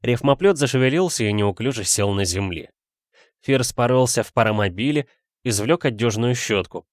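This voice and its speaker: A man reading a story aloud as narrator in a measured, even way. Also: mid-range voice, dry recording, studio quality. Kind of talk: audiobook narration.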